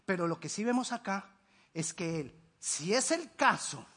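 A man delivers a sermon with a strikingly high, slightly husky voice. He swings between emphatic, raised declarations and hushed, intimate asides, like a pastor working the congregation. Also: animated, unhurried.

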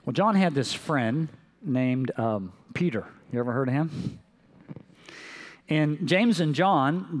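A man preaching a sermon, telling a Bible story and voicing its figures with rising and falling pitch and loudness. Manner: storytelling, acting out quotes with shifting pitch and loudness. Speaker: pastor.

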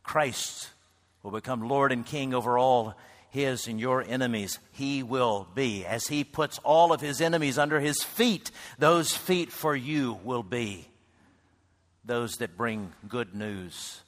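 A man preaching a sermon to a congregation, swinging between loud calls and near-whispered lines. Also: mid-range voice, takes it slowly. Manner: builds to loud shouts, then drops to a hush. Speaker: pastor. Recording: reverberant hall.

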